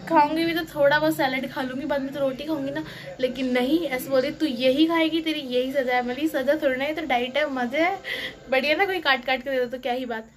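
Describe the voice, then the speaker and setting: A young woman in her twenties narrating her day in a casual vlog voice-over. She chats and grumbles playfully, and her throat is slightly sore. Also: sits high. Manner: chatty, complaining in a playful way. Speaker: vlogger. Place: indoors at home.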